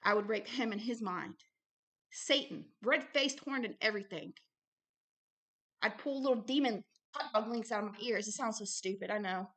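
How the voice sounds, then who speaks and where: A woman ministry host delivers impassioned religious testimony, exhortation and commentary on a book read aloud. Her medium-pitched voice has a sharp tone and moderate pace. She is emphatic and blunt, repeating phrases to drive them home.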